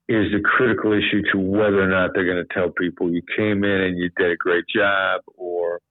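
On a dry, tinny line that sounds like a phone, a low-voiced former hostage negotiator chats casually on a podcast, sharing stories and advice. He's relaxed, repeats "you know" a lot, and becomes animated when he quotes others.

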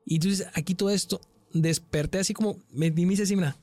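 High-voiced Mexican man telling a scary story. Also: fast talker, no room sound. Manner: frequent slang and swearing, animated retelling. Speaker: guest telling a paranormal experience. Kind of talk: casual storytelling chat.

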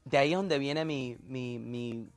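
A man's voice: medium pitch, a little slow, no echo, faint music behind. A man, a salsa singer, talking about how he started singing, in an interview clip played on the show.

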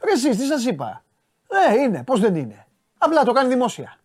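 A man's voice: very high-pitched, huge pitch swings, no room sound, clean studio sound. A man with a Greek accent hosting a sports talk show, casually and exasperatedly scolding his viewers with rhetorical questions. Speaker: sports commentator host.

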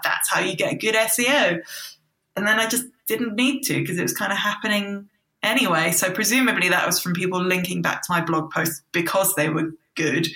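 A woman's voice: on the low side, creaky, pushed and bright, roomy sound. A woman, a guest chatting casually on a podcast, talking in a loose, filler-heavy way and laughing often.

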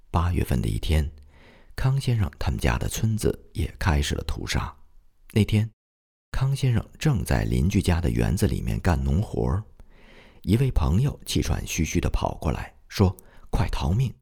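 A man narrates an audiobook in a deep, gravelly voice. His reading swings through a lively range of pitch, with a slightly husky edge, and he lends the story steady dramatic weight. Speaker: audiobook reader.

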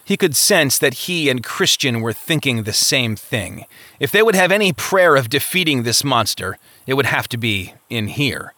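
A man narrating a novel in a steady storytelling manner, lightly voicing the characters' lines. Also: mid-range voice, normal speed, dry recording, studio quality. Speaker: audiobook narrator.

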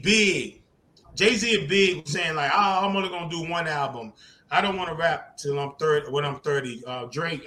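A man hosts a podcast in easy, animated chat, tossing in laughing asides as he goes. His voice sits high and rings bright and forceful. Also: echoey room. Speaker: podcast host. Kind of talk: casual chat.

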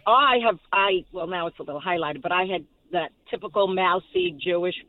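A woman's voice: fairly low pitch, fairly quick, no room sound, phone-quality sound. A woman in her sixties with a Brooklyn accent, chatting effusively as a caller on a phone-in from a car. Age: 60s. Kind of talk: casual chat. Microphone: phone call.

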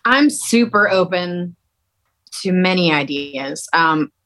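A woman's voice: fairly low pitch, lively intonation, slow, fairly bright tone. A woman guest singer on a video call, talking in an easygoing, agreeable way. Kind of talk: casual chat.

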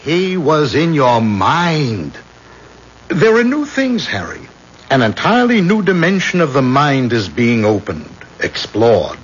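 An actor playing a rational, patient old-time town doctor who reasons and explains. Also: male voice, medium pitch, very animated, measured pace, husky. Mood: intrigued. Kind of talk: period drama acting. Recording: dull, hissy old recording.

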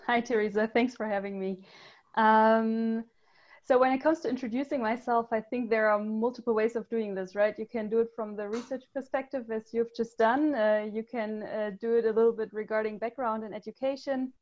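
A woman's voice: a little high, fairly even intonation, moderate pace, darkish tone, muffled recording. A woman from Germany, a guest on a podcast interview, talking thoughtfully with many ums and restarts. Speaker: guest, user research lead.

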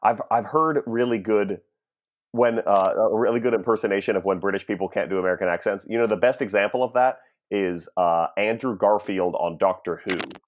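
A man with a very low voice in casual podcast chat, laying out his opinions at length in a relaxed way. The sound is dull and lo-fi. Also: fairly quick. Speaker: podcast co-host.

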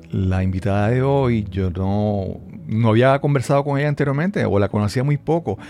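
A man's voice: mid-range voice, warm tone. A man hosts an interview podcast. He sounds friendly and keeps the conversation going with follow-up questions. Faint music plays behind his voice. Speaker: podcast host.

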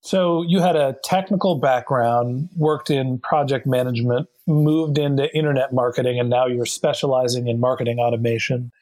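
A man's voice: mid-range voice, steady tone, moderate pace, hardly any pauses, a little mellow. A man hosting a podcast, reading a sponsor spot and interviewing a guest in an upbeat, conversational way. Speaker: podcast host.

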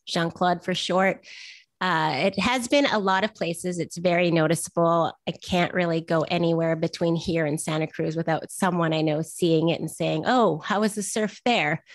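A woman's voice: lowish voice, no room sound. A woman in her forties from Vancouver, chatting as an interview guest and telling stories in a self-deprecating way. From Vancouver, Canada. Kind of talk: casual interview conversation.

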